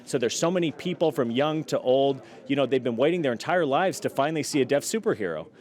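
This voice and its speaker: A man's voice: mid-range voice, lively intonation, fast talker, a little mellow. A man speaking in a red carpet interview.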